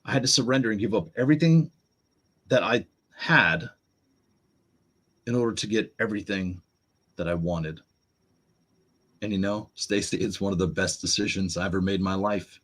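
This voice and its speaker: Low husky man telling stories. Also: normal speed, long pauses. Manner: animated storyteller, acts out quotes in raised voice. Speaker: podcast guest. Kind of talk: storytelling conversation.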